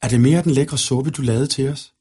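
A man voicing a kind, gentle young girl in a storybook reading. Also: mid-range voice, slightly rough, pitched above the performer's own voice, natural voice.

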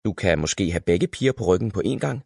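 A man's voice: fairly low pitch, animated, gravelly, darkish tone, breathy edge, no echo, studio quality, full character voice. A man voicing a kind, cheerful mother in a children's story, friendly and firm.

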